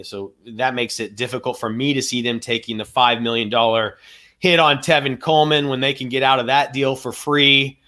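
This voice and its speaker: A man of middle pitch co-hosts a podcast, talking things through in an easy analytical way. He walks steadily through figures and details, softening his points with hedges as he thinks aloud. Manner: methodical, runs through stats and contract figures; hedging, thinks aloud with "you know". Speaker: podcast co-host. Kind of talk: casual sports analysis chat.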